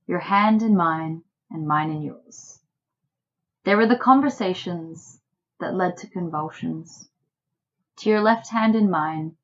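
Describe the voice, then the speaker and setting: Thoughtful woman, muffled home recording. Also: lowish voice. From Australia. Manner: thoughtful, musing. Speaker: poet guest. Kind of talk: reflective conversation and poetry reading. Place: quiet bedroom in an apartment.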